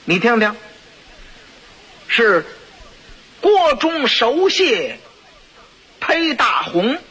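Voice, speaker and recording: A man's voice: sits high, animated, unhurried, pushed and bright, husky, heavily acted. A man voicing a pompous, touchy old chancellor who scolds his servant indignantly in a comic story.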